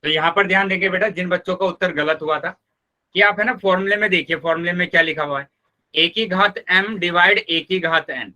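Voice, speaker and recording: A male math teacher leading a live online class, patiently explaining steps and repeating them, addressing students warmly as children. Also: high voice, brisk.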